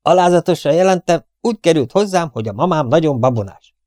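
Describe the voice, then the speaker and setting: A man's voice: on the high side, animated, a little mellow, no room sound, studio quality, pitched above the performer's own voice, lightly acted. A man voicing an earnest young soldier who answers every question dutifully and politely in an audiobook reading. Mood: dutiful, eager. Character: eager young male soldier, politely insistent.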